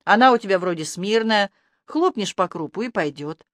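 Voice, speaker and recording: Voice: medium pitch, expressive, normal speed, fairly bright tone, no room sound, clean studio sound, natural voice. A narrator doing a snide male talking rat. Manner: snide, mocking, needling. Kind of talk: audiobook character voice.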